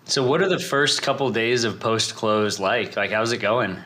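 A man's voice: fairly low pitch, moderate pace, sharp tone. A man hosting a podcast interview in casual, effusive, informal chat.

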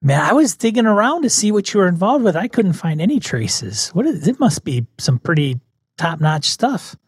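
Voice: mid-range voice, sing-song, normal speed, breathy edge, no echo, full character voice. A game master voicing an eager woman who stammers as she pleads with her partner on the phone during a tabletop game. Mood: apologetic. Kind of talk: in-character tabletop role-play.

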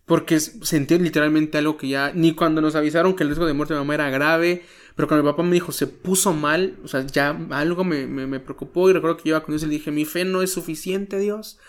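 Male pastor, slightly high voice; earnest, halting testimony with soft passages. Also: steady tone. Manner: earnest, halting, many restarts, drops to a soft voice when quoting prayers. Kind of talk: emotional personal testimony in an interview.

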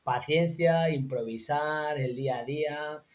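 Man, interview guest, lively anecdote teller in relaxed chat. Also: measured pace. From Spain. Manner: animated anecdotes, acts out quotes in high voices. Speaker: interview guest, former teacher in Morocco. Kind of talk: casual conversational storytelling.

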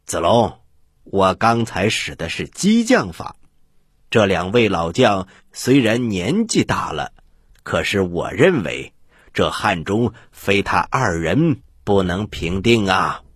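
A shrewd, composed strategist from a children's tale, voiced by a male storyteller. He speaks slowly with a husky edge and a smile, in a dry recording. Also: low voice, sing-song, fairly bright tone, no room sound, pitched below the performer's own voice, exaggerated voice. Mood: calm, assured. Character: calm, smiling, shrewd male military strategist.

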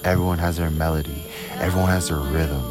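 A man's voice: rumbling low, fairly even intonation, a little fast. A man leading a guided meditation as host, speaking solemnly in short, emphatic, repeated phrases. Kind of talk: guided meditation, spiritual monologue. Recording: loud music under the voice. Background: loud instrumental music.

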